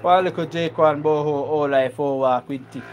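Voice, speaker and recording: A woman's voice: low-pitched, normal speed, a little mellow, slight background noise. A Jamaican woman vlogging outdoors, chatting in Patois with a lot of laughter and repeated "yeah, man". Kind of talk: casual chat in Patois.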